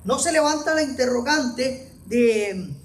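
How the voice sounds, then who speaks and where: A preacher delivers a sermon in a lively, animated voice, dropping into soft low asides before rising to stressed, emphatic phrases. The voice reaches the mic from a distance, carrying a roomy church-hall echo, and faint background noise sits underneath. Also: slow pace. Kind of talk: sermon on a Bible passage.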